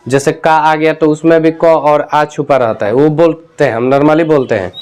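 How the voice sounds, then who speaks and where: A man teaching a grammar class. He explains informally and patiently, repeats key definitions and often checks in with his students. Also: fairly high pitch. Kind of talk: classroom lesson at a board. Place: coaching classroom.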